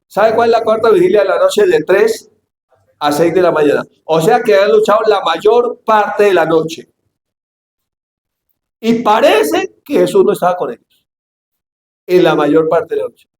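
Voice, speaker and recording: A man preaching a sermon as pastor, acting out Bible scenes and shouting for emphasis. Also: high-pitched, animated, a little slow, long pauses. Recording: echoey church hall, faint ambience.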